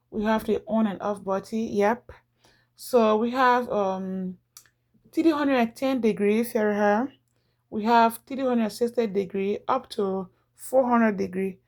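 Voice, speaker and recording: Middle-aged woman vlogger, casual rambling chat, slightly high voice. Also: a little mellow. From Liberia. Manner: chatty, rambling, repeats herself.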